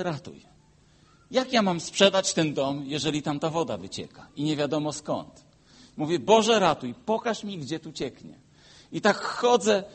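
A man delivers a sermon in a high, animated voice that climbs and drops all over the place. He tells stories, rising to forceful, emphatic peaks and then dropping into quiet, low asides. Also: husky. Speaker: pastor.

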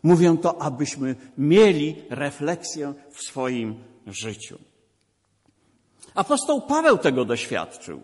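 A man's voice: fairly high pitch, big pitch swings, slow pace, darkish tone, long reverb tail. A man preaching a sermon, asking rhetorical questions and repeating emphatic refrains.

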